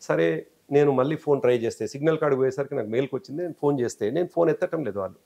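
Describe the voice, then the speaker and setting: Man, Telangana accent, gravelly voice, middle pitch, interview storyteller, acts out what others said. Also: very fast, dull audio. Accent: Telangana Telugu. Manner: animated storyteller, acts out quoted speech. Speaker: interview guest, politician.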